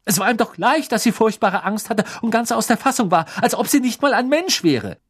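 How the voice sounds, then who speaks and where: A man voicing a clever, indignant teenage witch in a storybook reading, speaking high and with passion. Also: lively intonation, fairly quick, breathy edge.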